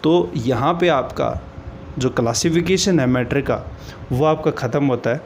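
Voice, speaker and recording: A man teaching chemistry in a slow classroom lecture, who asks questions and answers them himself, repeats key terms and mixes in English phrases. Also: medium pitch, darkish tone, a little hiss or hum.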